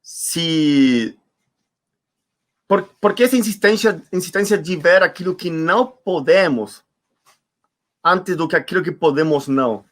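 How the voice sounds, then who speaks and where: Unhurried and a bit bright, this slightly high male voice leaves long pauses. He's a Spanish-first-language interview guest on a video call, thinking aloud, hunting for words and repeating them for emphasis.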